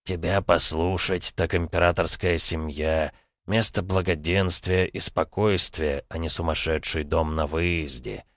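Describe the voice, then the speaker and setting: A man's voice: deep voice, steady tone, measured pace, a bit bright, no room sound, clean studio sound. A man voicing a sardonic male spirit who mocks his friend, in an audiobook. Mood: mocking. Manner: sarcastic, drawling.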